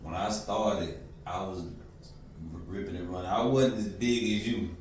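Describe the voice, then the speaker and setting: Forties male host, slangy and relaxed, very deep, strong echo and a slight hiss. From Florida. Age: 40s. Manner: easygoing, slangy, drawn-out fillers. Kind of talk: casual interview. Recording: echoey room, distant mic, faint noise.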